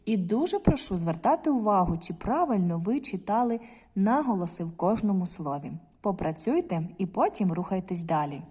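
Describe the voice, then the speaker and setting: A woman teacher giving a recorded reading lesson to children, reading words slowly and carefully with clear stress. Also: mid-range voice, very animated, mellow, big-room sound. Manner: slow careful word-by-word reading, stressing syllables.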